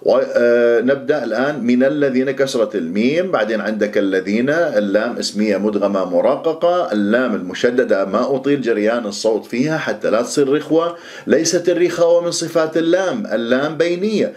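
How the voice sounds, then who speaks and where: A man teaching the rules of Quran recitation. He explains each rule plainly, then recites phrases slowly and carefully to show them. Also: medium pitch, animated, darkish tone. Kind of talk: tajweed lesson, explaining and reciting.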